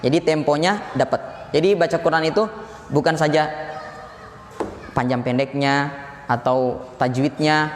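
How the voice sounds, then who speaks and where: Male recitation teacher, high-pitched and unhurried, encouraging, recorded with a long reverb tail in a big mosque. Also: fairly even intonation, a little hiss or hum. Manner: patient, encouraging, counts the group in. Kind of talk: classroom recitation drill. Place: large echoey mosque hall. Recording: echoey hall, faint room ambience.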